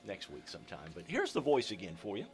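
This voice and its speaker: Folksy male radio host, gravelly voice. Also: on the low side, wildly swooping pitch, fast. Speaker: local radio host running a call-in contest. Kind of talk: casual live radio chat. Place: radio studio.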